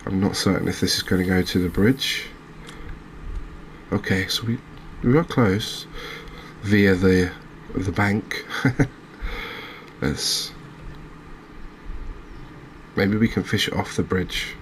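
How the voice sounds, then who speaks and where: A gaming video creator offers soft-spoken, relaxed ASMR-style commentary on a game, sounding hesitant, musing, and understated. His voice is low and his pace slow, with long pauses and slight background noise.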